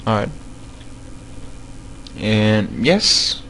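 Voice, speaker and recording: In a low-quality screen-recorded tutorial on game modding, a man with a non-native accent talks slowly, his slightly low voice swinging widely in pitch and sounding pushed and bright. He is hesitant, pausing for fillers, restarting, and repeating himself, while a faint hum from his desktop mic runs underneath.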